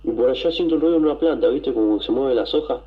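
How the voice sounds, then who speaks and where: A man with an Argentine accent, telling a story to a radio show, excited and rambling, with coughs and throat clearing. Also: mid-range voice, rapid-fire, lo-fi sound. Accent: Argentine Spanish. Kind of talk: casual storytelling.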